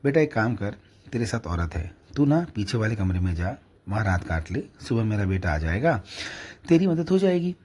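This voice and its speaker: A man voicing a kindly, frail old village shopkeeper, speaking gently. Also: fairly low pitch, big pitch swings, normal speed, a little hiss or hum. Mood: tender. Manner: gentle, scolding to the dog.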